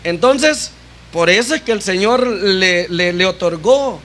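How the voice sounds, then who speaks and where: A man's voice: sits high, animated, measured pace, fairly bright tone. A man preaching a sermon as a deacon in a church, addressing his brothers and sisters with frequent rhetorical questions. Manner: retells a conversation, acting out both sides.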